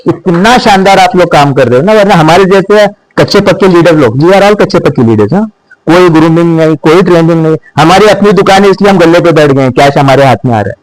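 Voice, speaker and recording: A middle-aged man, a school principal, talking to teachers in a mix of Hindi and English, slowing down to stress short English maxims. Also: a little high, animated, dry recording, rough recording. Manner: mixes Hindi with English maxims, slows for emphasis. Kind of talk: speech to teachers.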